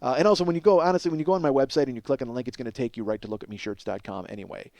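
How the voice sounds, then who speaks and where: A podcast host delivers a casual comedic monologue, rambling, cutting himself off, swearing and mocking himself. His medium-pitched, darkish voice races along, and the recording has no room sound.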